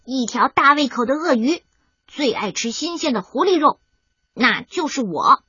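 Woman voicing a loud, blustering talking bone. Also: high voice, expressive, normal speed, breathy edge, no room sound, heavily acted. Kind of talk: storybook reading. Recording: dull lo-fi recording, faint music.

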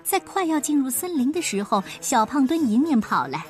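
A woman narrating a children's storybook with expressive, lively delivery. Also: sits high, normal speed, faint music behind.

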